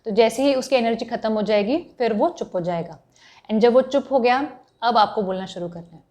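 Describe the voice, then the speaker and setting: Woman giving calm self-help advice. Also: fairly high pitch, a little fast. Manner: explains patiently, repeats points, often asks "ठीक है". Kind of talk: motivational talk to camera.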